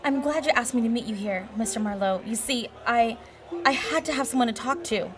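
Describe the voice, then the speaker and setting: An actress playing a genteel, heartbroken wife in an old radio drama, pleading with halting, melodramatic emphasis. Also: female voice, fairly high pitch, crowd noise, close to an everyday voice. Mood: anxious. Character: heartbroken, genteel married woman, sentimental and pleading. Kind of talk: 1940s radio drama acting.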